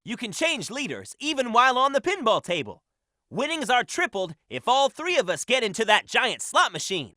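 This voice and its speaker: A man voicing a cocky, upbeat young hedgehog hero in a video game, brash, energetic and confident. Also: sits high, no echo, clean studio sound, heavily acted.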